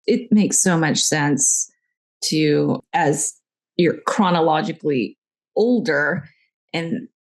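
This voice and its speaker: Low-voiced woman, candid podcast host. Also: slow pace. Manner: candid, reflective, shares personal stories. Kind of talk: conversational interview.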